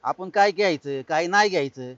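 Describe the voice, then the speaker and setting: A man's voice: high-pitched, animated, brisk, a bit bright, dry recording. An actor playing a man who lectures youngsters, asking them to agree. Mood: stern. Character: preachy grown man scolding youngsters. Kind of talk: comic web film acting. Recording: dull, dry film sound.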